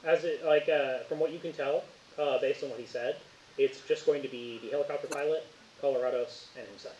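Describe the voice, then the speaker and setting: A man's voice: medium pitch, fairly even intonation, fairly quick, darkish tone. Rambling man running a tabletop game. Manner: rambling, laughs often, many fillers. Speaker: game master. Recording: echoey, muffled, faint hiss.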